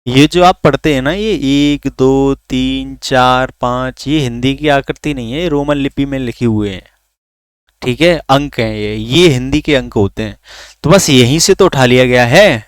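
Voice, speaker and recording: एक आदमी, जो रिकॉर्ड की गई ऑनलाइन क्लास पढ़ाता है, खुद सवाल पूछकर खुद जवाब देता है और स्वरों को खींचकर बोलता है।. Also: male voice, mid-range voice, a little slow, clear, resonant tone, no room sound, studio quality. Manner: asks questions then answers them himself; drags out vowels to demonstrate. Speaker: teacher. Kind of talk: recorded online lesson.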